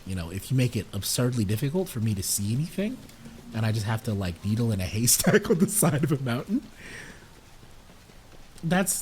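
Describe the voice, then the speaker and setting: A man's voice: mid-range voice, darkish tone, a little hiss or hum. A man streaming a video game, chatting casually and joking about himself, swearing freely as he plays. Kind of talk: casual let's-play commentary. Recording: game music playing behind.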